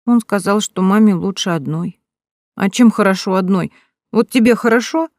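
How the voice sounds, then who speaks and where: A woman's voice: medium pitch, moderate pace, a little mellow, no echo, clean studio sound, voice pushed up, close to an everyday voice. A woman voicing a curious little boy in an audiobook, asking earnest, eager questions.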